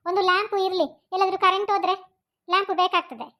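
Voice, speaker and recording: A woman's voice: very high voice, fairly even intonation, fast, sharp tone, heavily acted. A woman voicing a worried, protective mother with a Mangalore Kannada accent, fussing over and scolding her young son.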